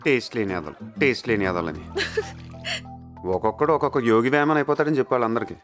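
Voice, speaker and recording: A man's voice: mid-range voice, animated, fast talker, fairly bright tone, soft background music, close to an everyday voice. An actor playing a man who mocks and scolds others, with a Telugu accent. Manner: mocking, scolding. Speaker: comic film character. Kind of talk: Telugu film comedy acting.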